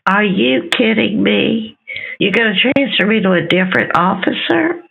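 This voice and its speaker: A woman in a phone conversation, talking in a terse, grumbling way with a husky, creaky voice. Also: mid-range voice, moderate pace. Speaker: scam target on the phone. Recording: slightly dull, lo-fi audio.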